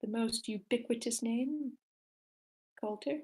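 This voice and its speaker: A woman running an online table read speaks in a warm, rather high voice, taking her time. Over the voice call she casually and politely sorts out the group and casts the parts.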